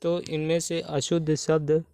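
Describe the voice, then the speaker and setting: A man explains Hindi spelling questions for exam preparation, working through each one methodically and restating the answer. His voice is smooth and clear and sits fairly high, with a flat, even delivery. It is recorded close and dry. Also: measured pace, no room sound. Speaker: Hindi exam-prep teacher.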